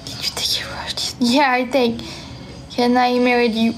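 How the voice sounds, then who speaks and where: Holding her phone at arm's length in a small room, a young Frenchwoman hosts a livestream chat with a faint hum in the background. Her high voice stays level, soft and slow, and she answers each viewer comment in a friendly way.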